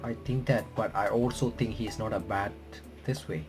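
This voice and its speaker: A man hosting game reaction videos plays through a game, reading the on-screen text aloud, reacting casually and stumbling over words. His voice is lowish at a normal speed, with faint game music behind it.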